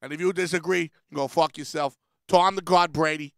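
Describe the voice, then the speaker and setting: A man impersonating a brash Boston sports fan, boastful and loud, with a gravelly, raised voice. It is recorded close and dry. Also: on the high side, steady tone, normal speed, dry recording.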